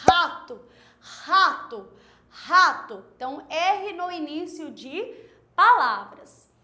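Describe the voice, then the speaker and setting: Slow, bright-voiced woman teacher. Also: high voice, echoey room. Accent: Brazilian Portuguese. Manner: slow, drawn-out didactic speech, repeating words for pronunciation. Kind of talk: online school lesson.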